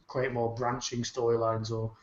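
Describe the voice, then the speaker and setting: A man's voice: medium pitch, completely flat delivery, moderate pace. A man co-hosting a podcast, rambling in casual chat with plenty of swearing and fillers. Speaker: podcast co-host. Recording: dull, roomy podcast recording.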